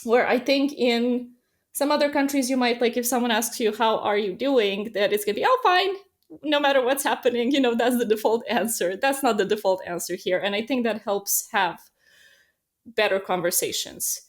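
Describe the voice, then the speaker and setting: A woman's voice: on the high side, moderate pace. A woman from Serbia, chatting as a guest in a casual interview and telling stories with lots of fillers. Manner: chatty, animated storyteller, many fillers.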